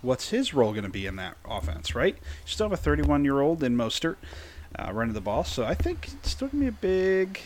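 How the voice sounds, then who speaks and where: A man's voice: a little high, wildly swooping pitch, fairly quick, darkish tone. A man hosting a casual sports talk, joking and conversational. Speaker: podcast host.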